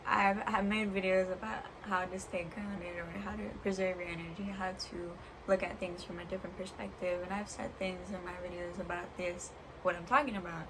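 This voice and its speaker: A woman speaking as a vlogger in a reflective personal monologue, earnest and halting, pausing between short phrases. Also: lowish voice, level tone. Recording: clear background noise.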